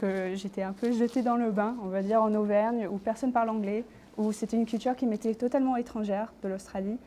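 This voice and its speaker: A woman's voice: mid-range voice, mellow, slight background noise. A young woman answering questions in an admissions interview, hesitant, with many fillers and self-corrections. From Australia. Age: young adult. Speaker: interview candidate.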